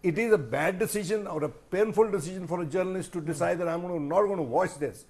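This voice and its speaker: This panel guest is a journalist with an Indian accent whose high, slightly mellow voice moves fast. He argues emphatically and rhetorically, leaning on repeated phrases for emphasis.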